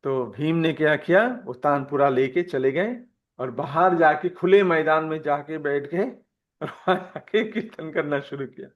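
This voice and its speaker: A man's voice: on the high side, measured pace. A man telling a devotional story to a class in a plain manner, repeating phrases for emphasis, heard in a dull lo-fi recording.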